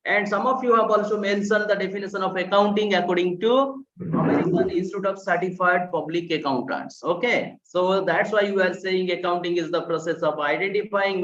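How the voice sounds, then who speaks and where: A man's voice: high voice, a bit bright, roomy sound, recorded from a distance, lo-fi sound. A man teaching an online class, explaining with rhetorical questions and repeating key phrases. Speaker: lecturer. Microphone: video call.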